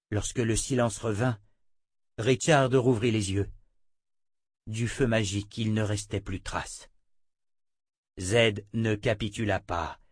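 Male audiobook narrator, measured dramatic fantasy read, dry studio sound. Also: medium pitch, husky, no room sound.

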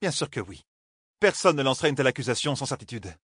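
An audiobook narrator voicing a wary young rogue, careful and ironic. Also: male voice, mid-range voice, very animated, fast talker, fairly bright tone, husky, no room sound, clean studio sound, voice pushed up.

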